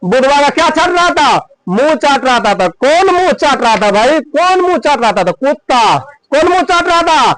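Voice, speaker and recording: High pitched guy explaining a school story, keeps asking himself questions. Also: very animated, normal speed, a bit bright, poor audio. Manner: repetitive, asks and answers his own questions. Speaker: storyteller explaining a textbook chapter.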